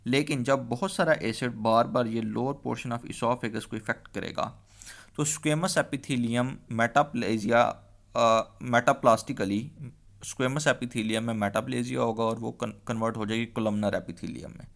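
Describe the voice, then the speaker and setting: A man's voice: mid-range voice, steady tone, takes it slowly, creaky, a bit bright. A man giving a medical exam-prep lecture. He repeats key terms and keeps checking in with the listener. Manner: explanatory, repeats key terms, frequent "theek hai". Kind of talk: exam-prep lecture mixing Hindi-Urdu and English.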